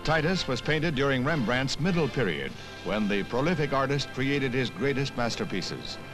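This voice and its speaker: An American man with a mid-range voice and lively intonation narrates a scripted 1960s newsreel at a moderate pace. It's an old film soundtrack with music, and his reading is punchy, wry and punning.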